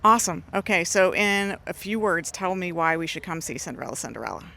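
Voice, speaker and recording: A woman hosting a community TV interview outdoors at a theatre stage, asking upbeat, quick questions. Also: fairly low pitch, pushed and bright, slight background noise. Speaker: host.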